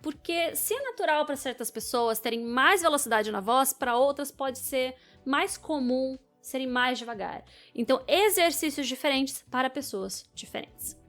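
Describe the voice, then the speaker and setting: A high-pitched Brazilian woman who coaches public speaking talks through a set of answers, reading them out and weighing in. Her delivery is expressive, punchy one moment and low the next. Soft music plays faintly underneath. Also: moderate pace, few pauses. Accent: Brazilian Portuguese. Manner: expressive, swings between bright emphasis and quiet asides. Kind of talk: reading AI answers aloud and commenting.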